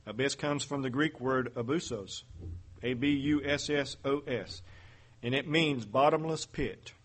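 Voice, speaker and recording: A man giving a Bible teaching sermon in a measured way, reading verses aloud and asking rhetorical questions. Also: mid-range voice, a bit bright. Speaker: preacher.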